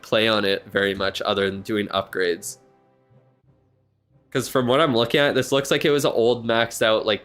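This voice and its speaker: With a lowish, fairly bright voice, a yawning, worn-out man gives loose, meandering live-stream commentary on a viewer's game account. He thinks out loud, his speech full of fillers.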